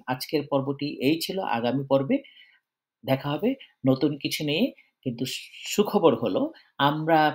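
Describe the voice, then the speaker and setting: A man teaching a spoken language lesson, patiently repeating example words and sounding them out slowly. His phrases often trail off softly at the end. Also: mid-range voice. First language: Bengali.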